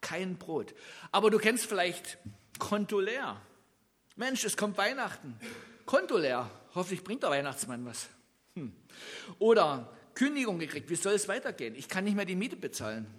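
A man from East Germany preaching a lively sermon, acting out Bible scenes and putting questions to his listeners. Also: sits high, moderate pace, husky. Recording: long hall reverb.

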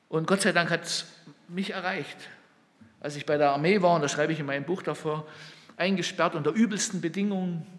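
A man preaching to an audience in a hall, telling stories with emotion and moving between loud calls and hushed asides. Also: fairly high pitch. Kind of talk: sermon. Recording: long reverb of a hall.

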